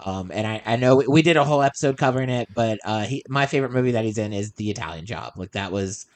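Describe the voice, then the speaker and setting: A man's voice: fairly low pitch, animated, quick pace, dry recording. A man hosting a podcast in casual chat, meandering as he thinks aloud. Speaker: podcast host.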